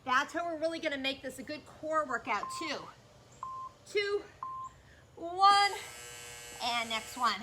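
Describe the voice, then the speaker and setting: A woman's voice: high-pitched, fairly quick, few pauses, very noisy. A woman leading a workout as a fitness instructor, energetically calling out cues and counts.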